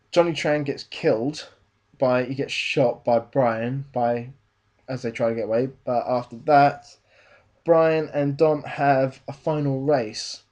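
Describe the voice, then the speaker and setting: A man's voice: medium pitch, a little mellow. A young man giving a casual spoken film review, hesitant and rambling, with many fillers and restarts.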